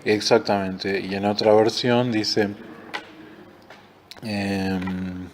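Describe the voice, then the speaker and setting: Male Bible teacher, Rioplatense accent, lowish voice, conversational, noisy recording. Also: fairly even intonation, drawn-out words, darkish tone. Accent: Rioplatense Spanish. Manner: conversational, explains with examples, fills with "este". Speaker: discipleship teacher. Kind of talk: Bible study class.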